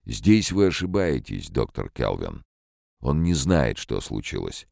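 A man voicing a stern, measured older research director in an audiobook. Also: extremely low pitch, gravelly, no room sound, studio quality, heavily acted. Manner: flat, measured.

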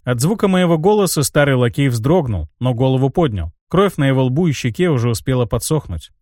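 Guy reading a fantasy audiobook, first person, wry and measured, super dry close mic. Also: mid-range voice, animated, a little mellow, dry recording. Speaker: audiobook narrator.

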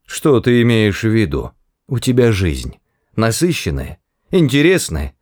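A man voicing a quick-witted male alien hitchhiker for an audiobook, talking in a raised, quick, coaxing voice. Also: on the low side, sing-song, a little mellow. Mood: scheming.

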